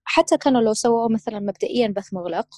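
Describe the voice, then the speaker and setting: A woman's voice: on the high side, rapid-fire, a little mellow, no echo, studio quality. A woman chatting casually as a co-host in a discussion. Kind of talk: casual chat.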